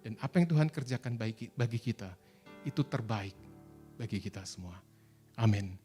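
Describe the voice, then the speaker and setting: A man's voice: on the low side, lively intonation, normal speed, warm tone, faint music behind. A man with an Indonesian accent preaching a sermon as pastor, earnest and exhorting, telling stories.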